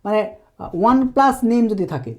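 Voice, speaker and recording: A woman's voice: mid-range voice, lively intonation, unhurried. A woman teaching a spoken English lesson, explaining patiently and stopping often to check that her students follow.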